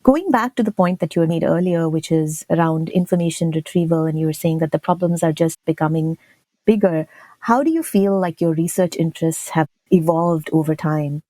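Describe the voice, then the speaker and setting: Mellow low-voiced woman hosting a podcast. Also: normal speed, no room sound. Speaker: podcast host. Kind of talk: scripted intro and interview questions.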